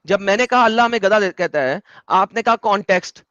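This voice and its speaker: A man's voice: high-pitched, sharp tone, dry recording. A man hosting a live-stream debate, arguing insistently and interrupting his caller, over dull lo-fi stream audio.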